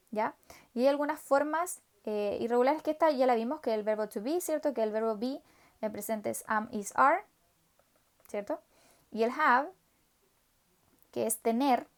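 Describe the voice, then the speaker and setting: A woman teaches an English grammar lesson in a somewhat high voice. She explains slowly and patiently, repeating the examples and pausing to ask whether her students are following. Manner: patient, repetitive, checks understanding with "¿ya?". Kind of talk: recorded online class explanation.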